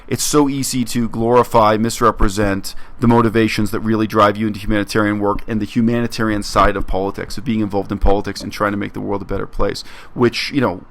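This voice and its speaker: A man from Canada talking earnestly to his viewers in a casual monologue, reflective and halting, often restarting his phrases. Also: lowish voice, fairly bright tone. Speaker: YouTube commentator.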